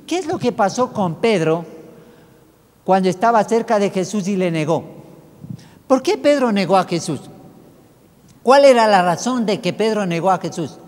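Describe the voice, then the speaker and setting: A male pastor delivers an emphatic sermon, firing off rhetorical questions at the congregation. His voice sits high for a man. The sound carries a long echo of a church hall. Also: expressive, normal speed, pauses often, a little mellow.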